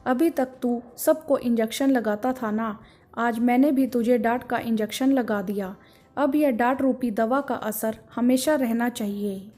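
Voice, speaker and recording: A woman's voice: fairly high pitch, a little slow, warm tone. A woman voicing a stern, caring middle-aged husband who scolds with indignation. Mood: gentle.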